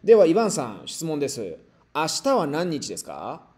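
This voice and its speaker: A man's voice: a little high, wildly swooping pitch, fast, darkish tone. A man teaching a Japanese class, switching between Spanish and Japanese, who patiently repeats phrases and models them for his students. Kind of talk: online language class, mixing Spanish and Japanese.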